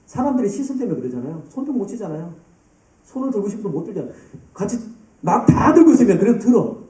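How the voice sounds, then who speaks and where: Male youth pastor, lively sermon, dark mellow tone, echoey church hall from a distance. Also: high voice, fast. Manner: lively, addresses students by name and acts out scenes.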